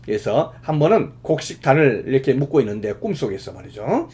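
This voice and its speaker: A male pastor giving a sermon in a measured, explaining way, using many fillers and rising with emphasis at key points. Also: mid-range voice, very animated, dark tone.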